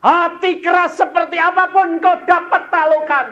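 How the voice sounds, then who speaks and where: A man's voice: extremely high pitch, steady tone, moderate pace, fairly bright tone, pitched above the performer's own voice. A man voicing his repentant young son, who prays in tears and pleads for forgiveness, with a dull lo-fi sound. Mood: fervent. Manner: pleading, crying out. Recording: dull lo-fi recording.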